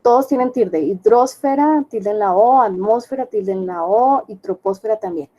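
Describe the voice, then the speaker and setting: A woman's voice: mid-range voice, moderate pace, dark tone, highs cut off. A woman teaching an online class, explaining step by step and often checking with her students. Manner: explanatory, checks understanding with questions.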